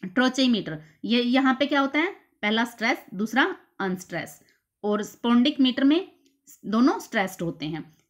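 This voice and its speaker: Woman tutor, slightly high pitch, patient exam-prep lecture that repeats key terms. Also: animated. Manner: explains slowly, repeats key terms and quizzes herself. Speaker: teacher.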